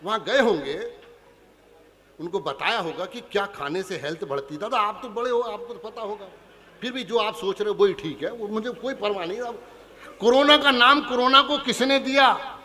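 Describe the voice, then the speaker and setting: A man's voice: high voice, expressive, normal speed, fairly bright tone. A man from Punjab performing comic poetry on stage and teasing the audience directly. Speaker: comic poet. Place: large hall with a live audience. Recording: live stage hall recording with crowd.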